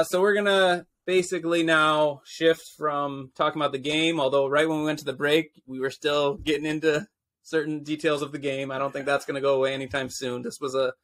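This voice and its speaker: A man's voice: fairly high pitch, fairly bright tone. A man hosting a sports podcast in casual chat, teasing his co-host and steering the talk. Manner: chatty, teasing, steers the show.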